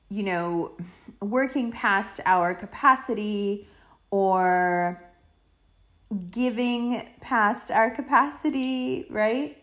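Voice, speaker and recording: Woman podcaster rambling casually, slangy n sweary, playful, medium pitch voice. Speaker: podcast host. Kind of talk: casual rambling solo chat.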